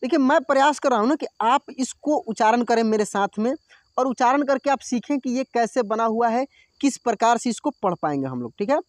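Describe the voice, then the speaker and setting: A man teaching Hindi reading, drawing out each word slowly and often checking that the learner follows. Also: very high voice, lively intonation, no echo. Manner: drawn-out word pronunciation, frequent checking "theek hai". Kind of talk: slow spoken reading lesson.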